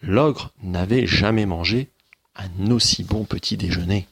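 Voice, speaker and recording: A low-voiced male teacher reading a storybook aloud, slow and expressive. His voice is husky and gravelly, with a creaky edge. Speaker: schoolteacher.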